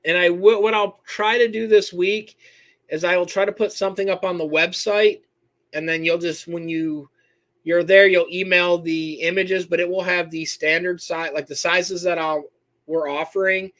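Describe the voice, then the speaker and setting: A man from Michigan runs a live question-and-answer stream, talking loosely and correcting himself as he goes. His voice sits fairly high and sounds bright and forward. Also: steady tone, normal speed. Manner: rambling, self-correcting, reads chat names aloud. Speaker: host answering viewer questions.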